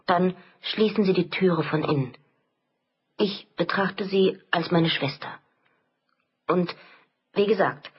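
A woman reading an audiobook, voicing an earnest young male lieutenant who talks brisk and reassuring in a lowered voice. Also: slightly rough, dull audio. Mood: courteous.

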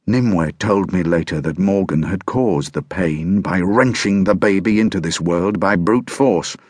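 A man narrating a historical novel audiobook in a measured, grave first-person storytelling manner. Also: sits low, husky, dry recording.

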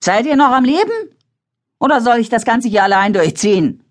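A woman narrator voicing a determined teenage girl who shouts to her friends through heavy rain. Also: rumbling low, expressive, slow pace, breathy edge, voice pushed down, heavily acted. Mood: shouting urgently.

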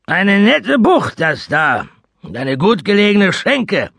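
A man voicing a coarse, domineering old sea captain in a rough, barking sailor's manner for an audiobook. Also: sits high, huge pitch swings, slow, fairly bright tone, no echo, voice pushed up, full character voice. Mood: gruff.

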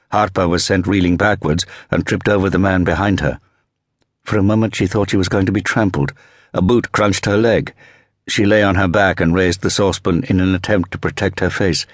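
Low-voiced guy narrating a thriller audiobook, dry close sound. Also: no echo. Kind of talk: scripted narration.

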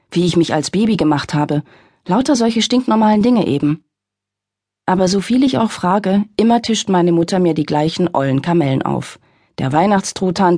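A woman's voice: on the low side, darkish tone, husky, dry recording. A woman narrating an audiobook in the first person, in a wry, exasperated storytelling manner, on a close studio mic.

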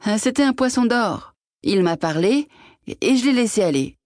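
A woman voicing a poor, timid old fisherman who pleads softly. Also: on the high side, expressive, normal speed, no echo, studio quality, voice pushed up, natural voice. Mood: meek. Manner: meek and pleading.

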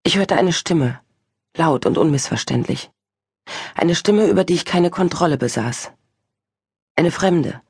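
A woman narrating a novel in the first person, in a measured and reflective way. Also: low-pitched, animated, a little mellow, husky, no echo, clean studio sound. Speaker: audiobook narrator.

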